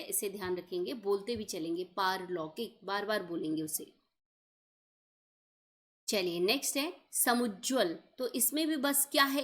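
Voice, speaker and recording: A woman teaching an exam-prep lesson, explaining each point step by step and checking in often. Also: medium pitch.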